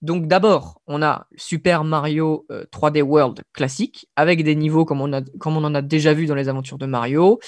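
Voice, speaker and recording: A man's voice: a little high, steady tone, moderate pace, few pauses, no echo, clean studio sound. A man presenting video game news on a radio show in a casual, hesitant way, with lots of fillers and wry asides.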